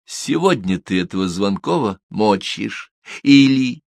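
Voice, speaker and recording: A man voicing a menacing middle-aged gang boss who talks slowly and threateningly in an audiobook. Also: on the low side, lively intonation, vocal fry, no room sound, clean studio sound.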